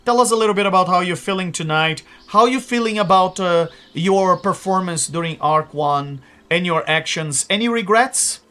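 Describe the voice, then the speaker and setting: A man with a somewhat raised voice hosts a live tabletop session. He talks in a loose, chatty way, stumbling over words and filling pauses with ums and uhs. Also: high-pitched, fairly bright tone. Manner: chatty, hesitant with many fillers, laughing asides. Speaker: game master. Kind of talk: live-play host introducing players.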